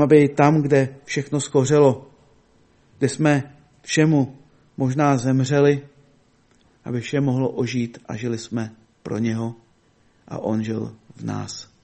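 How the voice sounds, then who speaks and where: A man delivers a sermon with a dark, mellow voice at an ordinary middle pitch. He speaks in short, deliberate phrases, stressing each one, and lets his voice fall low and soft as a thought closes. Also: gravelly. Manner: measured, emphatic delivery in short broken phrases; voice sinks low and quiet at phrase ends. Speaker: preacher.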